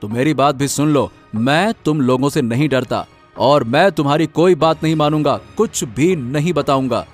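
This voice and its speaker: A man's voice: on the high side, moderate pace, faint music behind, lightly acted. A man voicing a defiant young woodcutter in a cartoon story. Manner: defiant, raised voice. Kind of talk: cartoon voice acting.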